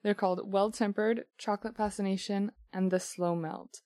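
A woman hosts a podcast, announcing and interviewing in an upbeat, clear manner. Her voice sits at a middle pitch. The sound is close and dry. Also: steady tone, normal speed, mellow, no echo. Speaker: podcast host.

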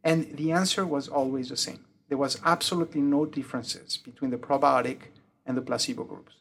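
With a gravelly, mid-range voice and a brisk pace, a man explains his research methodically in an interview, working through points steadily. He is a pediatric emergency doctor, born in the UK and brought up in Mexico, and his accent combines French and Mexican Spanish.

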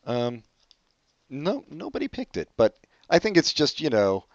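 A man's voice: wildly swooping pitch, unhurried, dry recording, dull audio. A man co-hosting a podcast, chatting loosely about music and rambling as he talks. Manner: loose, rambling, jumps up and drops off in pitch and volume. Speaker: podcast co-host. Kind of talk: casual chat about music.

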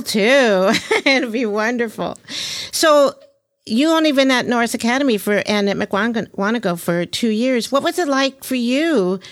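Enthusiastic chatty woman podcast host. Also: fairly high pitch. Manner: enthusiastic, chatty, laughs often. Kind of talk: casual interview.

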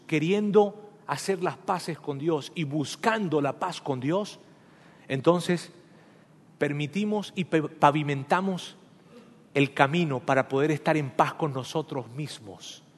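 A male pastor preaching an emphatic, animated sermon, addressing his congregation directly in a church. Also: on the high side, slow pace. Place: church sanctuary. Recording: long hall reverb.

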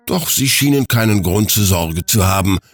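A man narrates a story from a script, his voice low and deep. His delivery rises and falls in lively, expressive curves. Soft music plays faintly behind him. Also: normal speed. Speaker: audiobook narrator.

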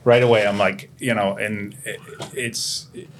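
Older man, low-pitched, halting, reflective, faint background noise. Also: fairly even intonation. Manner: halting, reflective, many restarts. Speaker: podcast guest. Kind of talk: casual conversation about recovery.

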